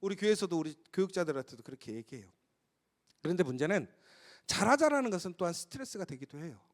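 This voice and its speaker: A man's voice: high-pitched, quick pace. A male pastor preaching a sermon, emphatic and storytelling, who often turns to the congregation with rhetorical questions. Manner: lively, storytelling delivery with occasional laughs.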